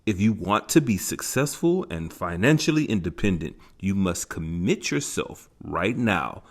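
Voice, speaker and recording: A man reads a self-help book aloud in a low voice, taking his time over each phrase. His delivery is measured and emphatic, with lively rises and falls in pitch. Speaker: audiobook reader.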